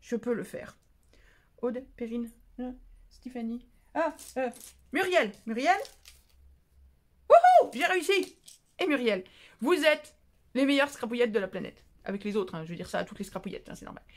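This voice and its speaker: Chatty, playful woman crafter, slightly high. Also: expressive, brisk. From France. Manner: chatty, playful, self-mocking, exclaiming. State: tired, voice going. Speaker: craft channel host. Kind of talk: casual chat while opening mail.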